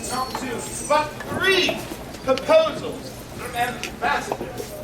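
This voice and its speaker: A man's voice: very high-pitched, slow. Man as dignified duke, flowery courtly speech, echoey, background noise. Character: dignified English duke advising the queen. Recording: distant, echoey, noisy outdoor stage.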